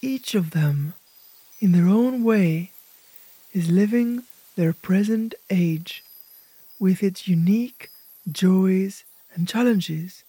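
Hosting a guided imagery meditation, a woman with a husky, mid-range voice speaks gently in short, hushed phrases broken by pauses. The recording is dry.

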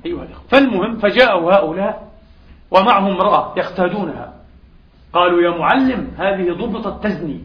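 A male preacher giving an animated Friday sermon in a mosque, throwing rhetorical questions at the congregation, with a Palestinian Arabic accent. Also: sits high. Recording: echoey, dull lo-fi mosque recording.

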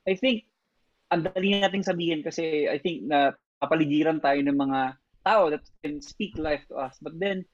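A young Filipino man co-hosting a podcast, thinking out loud and asking questions in a casual chat. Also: on the high side, moderate pace, no room sound, lo-fi sound. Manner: thoughtful, asks questions aloud, mixing English and Tagalog. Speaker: podcast co-host.

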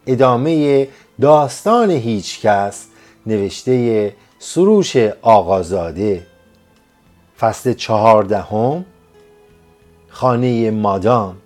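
A man narrating a serialized story as a scripted audiobook, reading in a slow, measured way. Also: lowish voice, animated, a little mellow. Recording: faint music behind.

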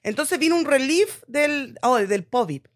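A middle-aged woman with a Chilean Spanish accent talks in a high voice that swings up and down a lot. She tells long stories in casual family chat and trails off in the middle of phrases. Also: expressive, a little slow. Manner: chatty storyteller, drifts off mid-phrase. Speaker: mother and podcast host.

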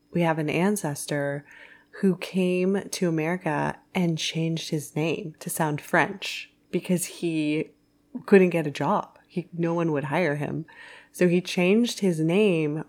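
A woman's voice: low voice, darkish tone. A woman in a casual film chat, telling stories with lots of giggles and acting out what people said. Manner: storytelling, giggly, quotes people in a raised voice. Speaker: film podcast co-host.

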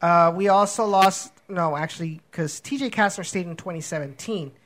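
A man's voice: high voice, normal speed, fairly bright tone. A man co-hosting a soccer podcast in casual chat, rambling with many restarts and fillers. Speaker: podcast co-host.

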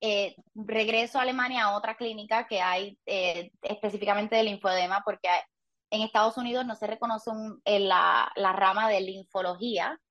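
A woman's voice: mid-range voice, fairly even intonation, moderate pace, a bit bright, muffled recording. A woman in her thirties with a Puerto Rican Spanish accent, talking candidly as a podcast guest with light self-mocking humor. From Puerto Rico. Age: 30s. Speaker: guest, patient. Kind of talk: casual podcast interview.

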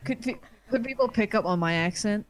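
A woman guest trades jokes on a relaxed podcast. Her voice sits in an ordinary middle pitch. She delivers dry quips and swears freely. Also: a little fast. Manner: joking, deadpan, swears freely. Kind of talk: casual podcast chat.

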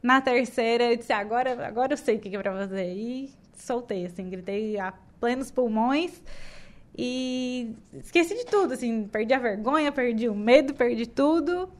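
A young woman from southern Brazil telling her birth story in casual chat, animated and often laughing. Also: on the high side, normal speed.

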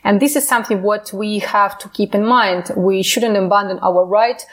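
A woman's voice: medium pitch, steady tone, moderate pace. Earnest woman advocate. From Ukraine. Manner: earnest, non-native phrasing, frequent fillers. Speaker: human rights advocate guest. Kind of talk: interview answers.

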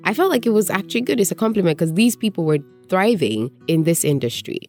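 A woman's voice: on the low side, sing-song, fast, darkish tone, soft background music. A woman, a radio presenter and voiceover artist, talking candidly about her own experiences and acting out what people said to her. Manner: candid, storytelling, acts out quoted remarks. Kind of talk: reflective personal talk.

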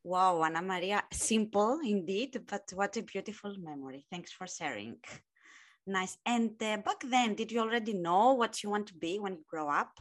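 A woman co-hosting a podcast who reads the show intro and asks the guest questions clearly. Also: medium pitch, expressive, moderate pace, no room sound. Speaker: podcast co-host. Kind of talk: scripted podcast intro and interview.

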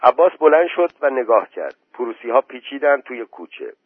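A man narrating a story aloud in a steady, measured audiobook reading. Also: medium pitch, slightly rough, no room sound. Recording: tinny phone-like recording.

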